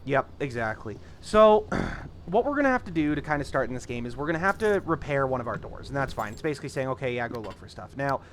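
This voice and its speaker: A man's voice: mid-range voice, big pitch swings, fast talker, a little hiss or hum. A man casually commentating his gameplay in a rambling, chatty way. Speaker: let's-play host.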